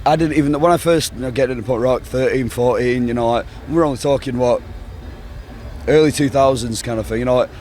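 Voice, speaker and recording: A man in his twenties from England, a band member with a Northern English accent, is interviewed in a casual chat recorded outdoors with urban ambient noise. His mid-range, darkish voice is a little fast, and he rambles and swears, peppering his talk with "you know, like".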